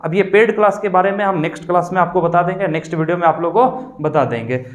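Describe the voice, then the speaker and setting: A man's voice: high voice, fast. A man teaching an online exam-prep class, explaining patiently and repeating his points as he addresses the viewers as friends. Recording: roomy echo.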